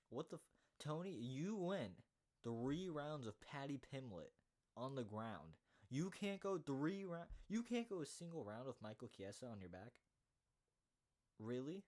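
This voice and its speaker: A man's voice: lowish voice, a little mellow. A young man hosting an MMA recap, ranting heatedly and indignantly with casual swearing. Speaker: MMA podcaster.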